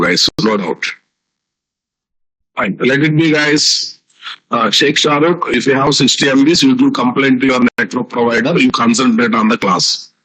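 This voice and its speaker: Over a low-quality recording, a man with a medium-pitched, slightly bright voice teaches programming live online. He speaks with a Telugu Indian accent, repeats phrases, and frequently asks students questions to check their understanding.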